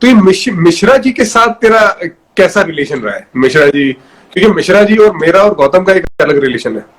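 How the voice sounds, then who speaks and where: High-voiced man telling animated stories. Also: moderate pace. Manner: animated storyteller who acts out quoted remarks. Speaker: host. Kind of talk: casual live video chat. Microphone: phone on a video call.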